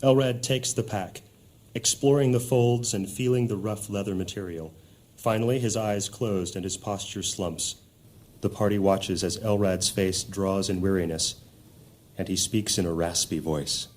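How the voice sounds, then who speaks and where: A man's voice: lowish voice, a little slow, darkish tone. A man narrating a scripted fantasy audio drama in a solemn, descriptive manner.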